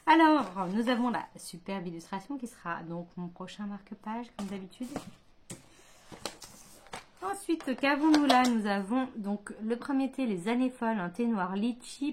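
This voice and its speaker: A woman's voice: medium pitch, darkish tone, a little hiss or hum. A woman chatting casually in a book vlog, hesitant and thinking aloud, full of fillers and restarts. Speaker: book vlogger. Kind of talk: casual chat.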